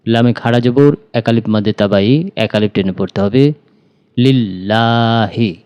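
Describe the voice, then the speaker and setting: A man with a Bangladeshi Bengali accent teaching Quran recitation, spelling out syllables and drawing out each word slowly. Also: on the low side, fairly even intonation, mellow, smooth, dull audio. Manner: measured, drawn-out recitation of syllables. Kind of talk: slow spelling and recitation lesson.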